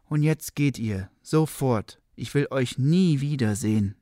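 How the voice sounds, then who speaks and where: A man's voice: medium pitch, a little slow, warm tone, no echo, lightly acted. A man voicing Hildegard, a proud noblewoman turned healer who speaks with cold, commanding reproach, in a read-aloud German legend with a dry, close sound. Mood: stern.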